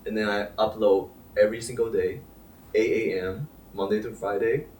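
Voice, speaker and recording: Soft-spoken thirtysomething man from Taiwan. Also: lowish voice, fairly even intonation. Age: 30s. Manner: halting, filler-heavy answers. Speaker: crypto channel creator. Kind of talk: casual interview chat. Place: Ledger's Paris headquarters. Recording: roomy, distant, faint background noise.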